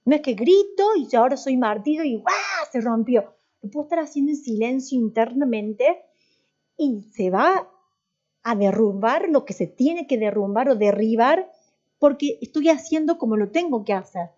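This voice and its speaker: Woman, church class teacher, high voice, mellow tone, conversational, quizzes the class, dull lo-fi recording. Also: lively intonation, moderate pace. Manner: conversational, asks the class questions, many restarts. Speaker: worship and voice teacher.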